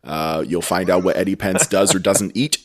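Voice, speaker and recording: A male podcast host with a lowish voice chats in a loose, rambling way, letting sentences trail off quietly. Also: fairly even intonation, moderate pace. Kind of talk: casual chat.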